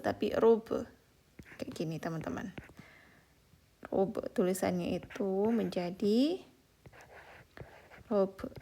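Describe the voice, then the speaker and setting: A young woman teaches a beginner language lesson to an online audience. Her mid-pitched voice carries a noticeable vocal fry. She speaks patiently, drawing out example words and turning to her viewers as friends.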